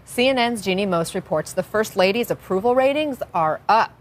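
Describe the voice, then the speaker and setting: A woman's voice: mid-range voice, animated, normal speed. Conversational woman news anchor. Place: television newsroom.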